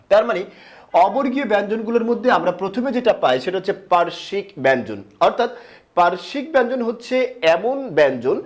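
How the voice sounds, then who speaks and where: A man teaches a grammar lesson in a high voice that swings up and down a lot. He poses questions to his students and answers them himself. He sounds out key sounds slowly, again and again. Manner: repeats key terms slowly. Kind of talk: online lesson, explaining and quizzing.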